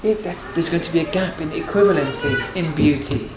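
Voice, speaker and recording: Low-voiced and brisk, she delivers an earnest religious lecture about marriage, advising listeners and frequently restarting what she says. The recording comes from a very echoey, noisy hall.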